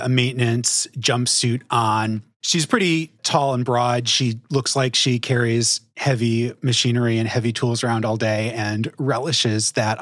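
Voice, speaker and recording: A man running a tabletop game as game master, describing scenes in a relaxed, casual way with fillers. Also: mid-range voice, no echo, clean studio sound.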